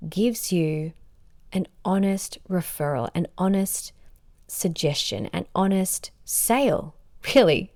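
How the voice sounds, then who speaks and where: A woman's voice: on the low side, warm tone, no room sound, clean studio sound. A woman, a business coach hosting a solo podcast. She talks in an upbeat, emphatic way and stacks words into lists. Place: sitting on a bed.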